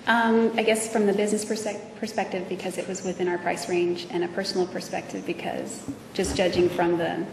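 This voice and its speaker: A woman testifying as a witness, speaking hesitantly with many pauses and fillers, in a courtroom recording. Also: on the low side, little pitch movement, darkish tone. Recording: echoey courtroom audio from far off with noise.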